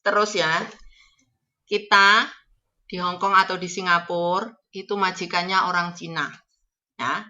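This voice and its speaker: Bright-voiced Javanese woman giving advice. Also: fairly low pitch, steady tone, measured pace, pauses often, dull audio. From Java, Indonesia. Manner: chatty, coaching, slips into Javanese phrases. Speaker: agent advising domestic workers going abroad. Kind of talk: casual advice talk.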